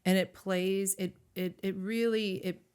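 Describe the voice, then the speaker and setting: A woman sharing her personal faith testimony as a guest, talking earnestly and haltingly, with many restarts and fillers. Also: medium pitch, steady tone, darkish tone, clear, resonant tone. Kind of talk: candid faith interview.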